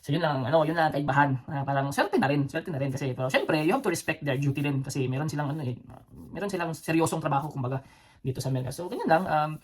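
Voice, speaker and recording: On a casual storytelling vlog, a Filipino host with a Cebuano accent talks fast in a higher voice, a slight hiss or hum in the background. The adult ex-soldier and father rambles, restarting often, using lots of fillers and chuckling between phrases.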